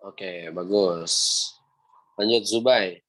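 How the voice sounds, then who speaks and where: A young adult man teaching Quran recitation, patiently repeating sounds slowly and ending phrases with "ya". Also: sits low. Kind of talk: online class instruction with recitation examples.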